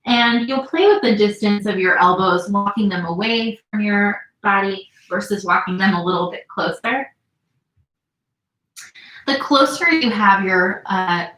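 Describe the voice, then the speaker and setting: A young woman teaching a yin yoga class from home, giving slow, soothing instructions with gentle pauses. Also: mid-range voice. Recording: roomy echo.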